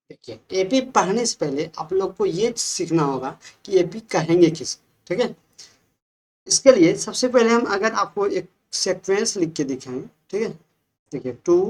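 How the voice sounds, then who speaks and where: Woman maths teacher, Bihari Hindi accent, low voice, steady patient classroom talk. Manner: patient, repeats "ठीक है" and checks with the class.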